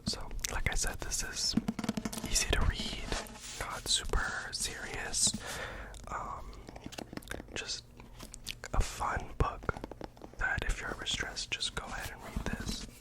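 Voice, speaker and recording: A performer in a whispered role-play as a librarian, speaking in a deadpan, mock-earnest way with hesitant asides. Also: slow pace, long pauses. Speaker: ASMR performer playing a librarian recommending books.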